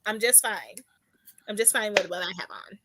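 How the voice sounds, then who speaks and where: A woman's voice: mid-range voice, expressive, normal speed, over a noisy crowd. A woman co-hosting a casual group podcast, teasing and bossing her friends around in banter. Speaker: podcast co-host.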